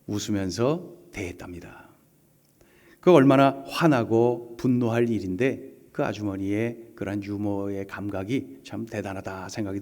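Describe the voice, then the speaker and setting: A man's voice: medium pitch, a little mellow, long reverb tail. A man preaching a Sunday sermon as pastor, telling stories and pressing the point with rhetorical questions. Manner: storytelling, rising to emphatic rhetorical questions. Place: church sanctuary.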